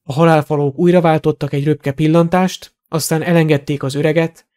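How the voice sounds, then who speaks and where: A man's voice: fairly high pitch, steady tone, darkish tone, clear, resonant tone. Man narrating a fantasy audiobook. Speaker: audiobook reader.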